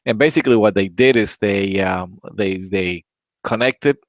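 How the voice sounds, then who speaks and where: Casual tech-podcast host, Latin American man, rambling and low-pitched, dull lo-fi sound. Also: measured pace, no room sound. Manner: rambling, repeats words, many "right?" tags. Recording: dry, dull lo-fi audio.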